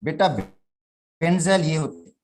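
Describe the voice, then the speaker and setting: A man's voice: a little high, sing-song, takes it slowly, darkish tone. A man from Pakistan with a Sindhi accent, teaching chemistry in a classroom lecture and explaining step by step while calling his students "beta".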